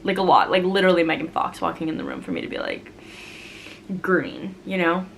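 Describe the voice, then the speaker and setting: A woman's voice: lowish voice, huge pitch swings, fairly quick, vocal fry. Chatty, laughing young woman vlogger. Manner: chatty and rambling, laughs often, leans on "like". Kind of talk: casual chat answering viewer questions.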